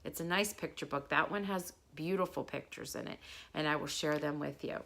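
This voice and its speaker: This bedtime storytime host has a deep, gravelly, slightly bright voice and a moderate pace. She reads to young children and addresses them in a friendly, simple way.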